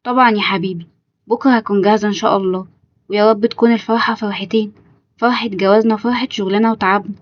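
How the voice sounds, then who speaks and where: A woman's voice: medium pitch, steady tone, very fast, lo-fi sound, close to an everyday voice. A woman with an Egyptian accent voicing a loving young bride-to-be who talks earnestly and pleadingly. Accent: Egyptian Arabic.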